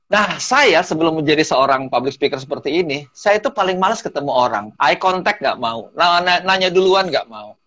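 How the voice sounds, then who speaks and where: A man talking as a guest public speaking trainer, telling stories in a lively way and mixing in English phrases. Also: fairly high pitch, a little fast, few pauses. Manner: animated storyteller, mixes in English phrases. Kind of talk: casual talk-show chat.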